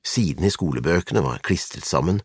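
A man reading a children's storybook aloud in a calm, measured way. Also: sits low, slightly rough, no room sound, clean studio sound. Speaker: narrator.

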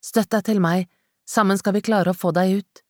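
A woman narrator voicing a frightened woman who cries out in shrill, desperate panic. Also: fairly even intonation, no echo, studio quality, lightly acted. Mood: urging. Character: frantic, frightened woman fleeing a fire. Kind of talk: audiobook character voice.

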